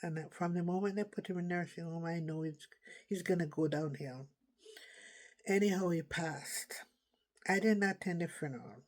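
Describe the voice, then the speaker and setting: A woman's voice: fairly low pitch, normal speed. A middle-aged woman telling a personal story in a casual, rambling way, often circling back with "anyhow".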